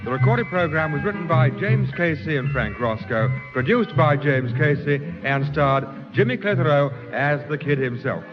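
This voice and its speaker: A man's voice: on the high side, animated. A man reading closing credits as a formal radio announcer. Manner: measured, formal. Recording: dull old radio recording with music behind.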